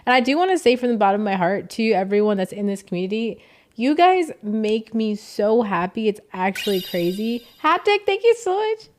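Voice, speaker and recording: A woman's voice: medium pitch, expressive, a little fast, a little mellow. A young woman streamer talking casually and emotionally to her chat, rambling and thanking viewers.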